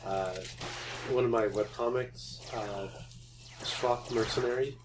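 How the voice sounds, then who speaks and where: A man's voice: mid-range voice, steady tone, takes it slowly, heavy background noise. A man doing a speedrun, chatting casually and calling out his progress in the game. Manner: calls out game progress between chatty asides. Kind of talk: casual chat while playing.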